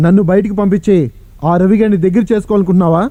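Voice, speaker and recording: A man's voice: high-pitched, steady tone, rapid-fire, mellow, no echo, natural voice. An actor playing a scheming young man who sneers and accuses. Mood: sneering. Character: scheming young man, the heroine's rival suitor. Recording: dull film audio with music. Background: music.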